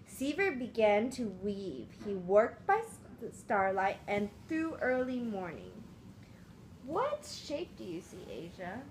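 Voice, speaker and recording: A woman's voice: mid-range voice, sing-song, takes it slowly. A woman reading a picture book aloud to young children, coaxing them along with simple questions. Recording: clearly noisy room.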